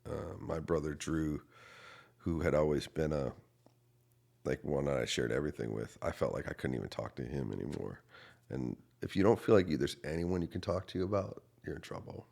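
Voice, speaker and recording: A man in his thirties, a pastor, earnestly telling a personal story in a podcast interview, going from quiet to loud. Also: a bass voice, moderate pace, creaky. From United States. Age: 30s. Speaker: associate pastor.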